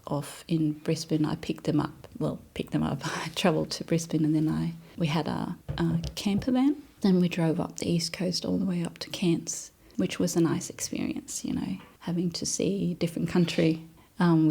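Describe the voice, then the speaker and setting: A woman from Denmark, a non-native English speaker, telling her story in a relaxed, soft-spoken interview with frequent fillers. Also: low-pitched, moderate pace, creaky, hardly any pauses, husky. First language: Danish.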